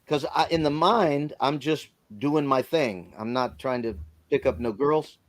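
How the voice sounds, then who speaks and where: A man's voice: medium pitch, a little slow. A man casually telling a personal story on a live stream, in plain informal speech. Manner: lively storyteller who acts out others' lines.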